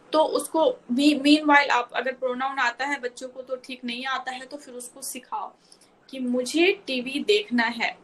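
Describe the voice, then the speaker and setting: Woman speech therapist, fairly high voice, patient step-by-step teacher mixing in English terms. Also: a bit bright, rough recording. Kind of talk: live online Q&A talk to parents.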